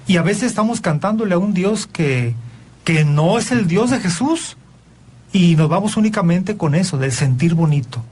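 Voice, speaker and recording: A man with a Mexican Spanish accent, a priest hosting a radio talk show, speaking in an earnest, preachy, animated way. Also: high-pitched, moderate pace, slightly rough.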